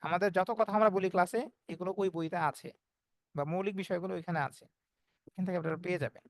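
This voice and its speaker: A man's voice: sits high, steady tone, quick pace, gravelly, no echo. A man teaching Quran recitation in an online class, explaining step by step and voicing the letter sounds as examples.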